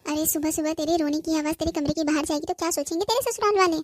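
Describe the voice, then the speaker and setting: A woman's voice: extremely high pitch, fast, no room sound, studio quality. A woman voicing a worried cartoon mother on the phone who presses her daughter with questions and scolds her firmly. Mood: firm scolding. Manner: anxious questioning, then firm scolding. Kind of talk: cartoon voice acting.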